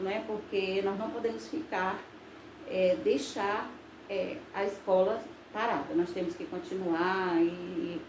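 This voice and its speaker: A woman's voice: medium pitch, a little mellow. Brazilian woman teacher, patient lesson. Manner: slow, patient explaining with recaps. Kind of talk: recorded video lesson. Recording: echoey room with faint noise.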